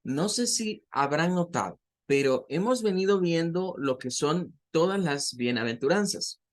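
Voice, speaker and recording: A man teaching an English lesson in Spanish, slowly repeating words to drill their pronunciation and often asking "¿verdad?". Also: on the high side, lively intonation. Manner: fills pauses with "¿verdad?".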